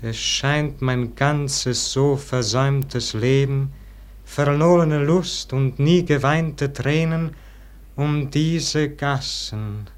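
In a classic radio verse drama, an actor plays a melancholy, yearning nobleman, declaiming lyrically in standard German stage diction. His medium-pitched delivery is solemn, lyrical and drawn out.

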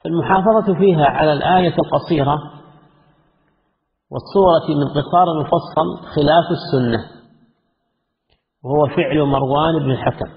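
Man, religious lesson, measured reading and commentary, slightly high gravelly voice, tinny phone-like sound. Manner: measured, reads quoted passages then comments. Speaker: Islamic scholar teaching a text. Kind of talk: religious lesson, reading and explaining a classical text. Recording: echoey hall, tinny phone-like lo-fi audio.

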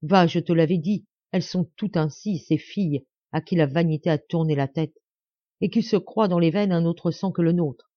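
A woman's voice: lowish voice, animated, moderate pace, no echo. A bitter father seethes with menacing rage, as a woman reading an audiobook puts him on. His words carry a vengeful edge. The recording is dry and slightly dull. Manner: raging, menacing.

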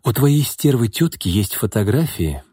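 A man voicing a drunken, pushy middle-aged businessman in an audiobook, needling, bitter and rising into angry shouts. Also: mid-range voice, very animated, moderate pace, husky, no room sound, studio quality. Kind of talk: audiobook character reading.

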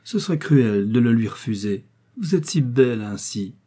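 A man voicing an effusive, flattering young woman who pleads and coaxes. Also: mid-range voice, moderate pace, breathy edge. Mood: coaxing.

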